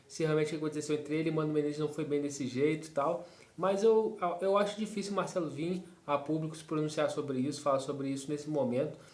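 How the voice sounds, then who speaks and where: A man's voice: on the high side, darkish tone. A man hosting a football fan channel, talking through club news in casual commentary, rambling with fillers and tag questions. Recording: roomy echo.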